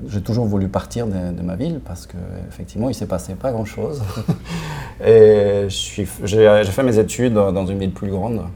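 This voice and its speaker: Brief: low, gravelly Argentine man in his forties, hesitant, warm-toned, faint background hum. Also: moderate pace. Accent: Argentine Spanish. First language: Spanish. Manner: hesitant, many restarts, laughs often. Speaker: film director. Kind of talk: casual interview answers.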